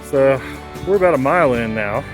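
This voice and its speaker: A man's voice: mid-range voice, animated, normal speed, over music. A man talking casually as he narrates a hiking vlog outdoors on a trail.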